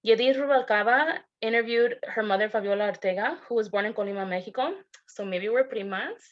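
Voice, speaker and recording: A woman's voice: on the high side, brisk. A young woman giving a class presentation, reading summaries with small asides. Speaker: student presenter. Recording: dull lo-fi audio.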